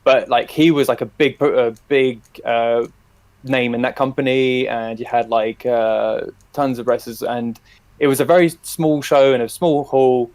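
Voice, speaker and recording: A man's voice: mid-range voice, steady tone, unhurried, a little mellow, no room sound. British guy rambling on a video call, loose and sweary, dead dry sound. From United Kingdom. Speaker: guest, wrestling YouTuber. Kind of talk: casual chat.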